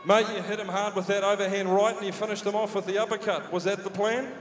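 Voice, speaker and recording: A man's voice: high voice, level tone, quick pace. A man asking questions in a post-fight interview. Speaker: ringside interviewer. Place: large indoor arena. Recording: echoey hall PA, slightly noisy.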